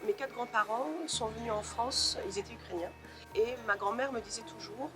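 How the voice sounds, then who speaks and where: A woman novelist answering interview questions in a thoughtful way, pausing often to search for her words. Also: a little high, over music.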